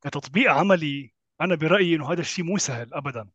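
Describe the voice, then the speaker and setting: A man with a Levantine Arabic accent talks in a casual discussion as a co-host, reasoning through measured objections on a slightly dull recording. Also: a little high, fairly bright tone, no echo.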